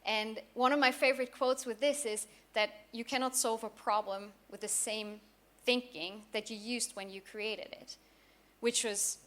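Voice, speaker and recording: A young woman from southeast Austria giving a conference talk as a company founder, often pausing with fillers and restarting her sentences. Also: fairly high pitch, steady tone, a bit bright. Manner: hesitant, many fillers and restarts.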